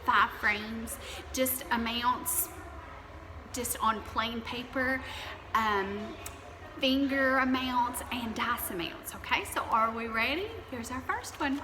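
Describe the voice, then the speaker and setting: A kindergarten teacher with a slightly high voice teaches young children to count, speaking to them directly and with encouragement. She takes it slowly, and music plays beneath her. The room is echoey and reverberant.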